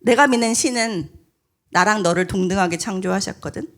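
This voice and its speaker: A woman voicing a gentle, remorseful elementary school teacher who speaks softly, slowly and sincerely. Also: mid-range voice, voice pushed down, close to an everyday voice. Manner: soft, slow and sincere. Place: church hall at a youth retreat.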